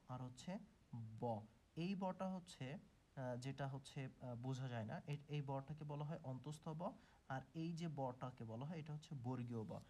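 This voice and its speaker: A man's voice: fairly high pitch, mellow. A man teaching a grammar lesson who asks questions and answers them himself, with frequent "ah" fillers.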